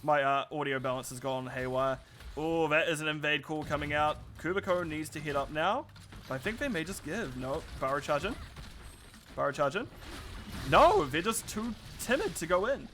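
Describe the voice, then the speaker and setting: A man calls a live esports match in a bright, forceful voice that sits a little high for a man. He is chatty and excitable, with quick laughs between calls, over a faint hiss behind him. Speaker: esports caster. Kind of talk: live play-by-play commentary.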